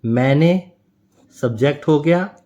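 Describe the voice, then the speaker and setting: Male tutor with a mellow, darker voice, a patient explainer who checks understanding often. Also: fairly high pitch, slow, muffled recording. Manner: explains step by step, checks with a tag question. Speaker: teacher. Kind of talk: grammar lesson.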